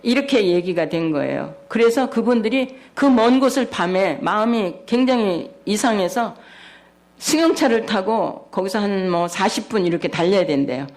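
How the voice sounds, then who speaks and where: A middle-aged woman with a voice of ordinary pitch tells a personal testimony at a church service. She talks with animation and slips into the voices of the people in her story as she goes. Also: lively intonation, moderate pace, a little mellow. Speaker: church member giving testimony.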